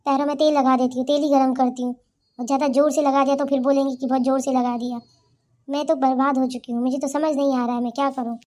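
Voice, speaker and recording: A frustrated, overworked young daughter-in-law in a cartoon story, voiced by a woman. Her voice is high and mellow, and she speaks in a plaintive, complaining way. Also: flat delivery, fast, close to an everyday voice. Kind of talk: cartoon voice acting.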